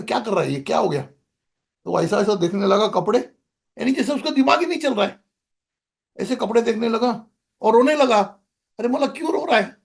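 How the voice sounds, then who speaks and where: A man's voice: very high-pitched, vocal fry. A middle-aged man, a podcast guest, telling a rambling story in casual conversation, with many restarts.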